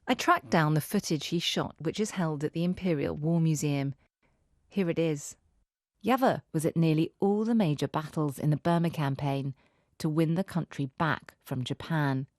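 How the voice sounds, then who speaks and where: A woman's voice: sits low, moderate pace, a little mellow, no room sound, clean studio sound. A woman reporter reading scripted narration for a news feature. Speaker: radio reporter.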